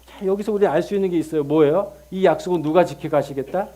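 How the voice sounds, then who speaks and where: A middle-aged male pastor preaching a sermon, telling the story in an animated way and acting out dialogue with sudden loud outbursts. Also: a little high, quick pace.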